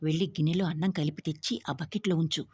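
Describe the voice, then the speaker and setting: A woman's voice: sits low, steady tone, fast, husky. A woman doing a cocky young fugitive man. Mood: cocky, hushed. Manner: hushed, brash and teasing.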